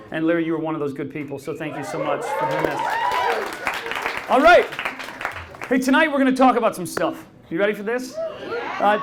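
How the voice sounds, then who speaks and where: A man's voice: high-pitched, background noise. A man hosting a live podcast, talking with an upbeat, chatty manner and often asking the crowd questions. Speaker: podcast host. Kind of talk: live podcast talk to an audience. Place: bar venue with a live audience.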